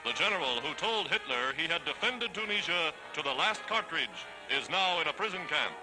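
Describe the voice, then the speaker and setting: A man narrating an old 1940s wartime newsreel, his voice pitched high and delivered in a stirring, declamatory sweep. He pushes each line with triumphant emphasis over a loud bed of music. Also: big pitch swings, moderate pace, rough recording.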